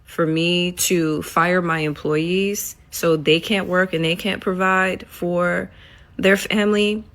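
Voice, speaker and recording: A woman giving argumentative social media commentary in a deliberate way, posing rhetorical questions. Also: fairly low pitch, little pitch movement, a bit bright. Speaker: business owner.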